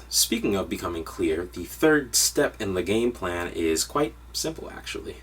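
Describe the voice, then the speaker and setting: Deep husky guy teaching piano chords, direct and upbeat, mic sits a bit far off. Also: fairly bright tone. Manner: upbeat, direct instructional delivery. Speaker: music teacher. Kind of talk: online piano harmony lesson.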